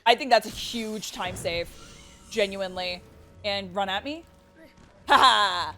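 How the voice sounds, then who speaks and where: A woman speedrunner giving live commentary on her game, cooing baby talk to the creature and bursting out loud when things go well or wrong. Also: mid-range voice, a little slow, faint music behind. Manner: excitable, with sudden loud outbursts. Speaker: speedrunner streamer.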